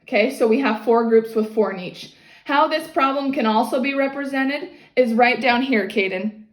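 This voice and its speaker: Female tutor, high voice, patiently explaining to a young child step by step, encouraging, roomy echo on the recording. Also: normal speed. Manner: encouraging, explains step by step with frequent checks for understanding. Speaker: maths teacher tutoring a child. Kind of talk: one-on-one lesson, explaining to a child. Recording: echoey, roomy sound.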